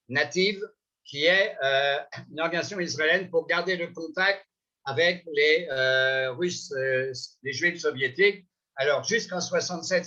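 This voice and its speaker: A man's voice: on the high side, pushed and bright. An older man with a French accent, telling his life story in a lecture, conversational and full of hesitations. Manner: conversational, many hesitations and restarts. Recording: dull lo-fi recording.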